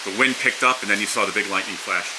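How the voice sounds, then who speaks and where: A man's voice: lowish voice, quick pace. Casual man vlogging in noisy rain. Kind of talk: casual vlog narration. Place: outdoors under a house porch in a storm. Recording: wind, rain and hiss behind voice.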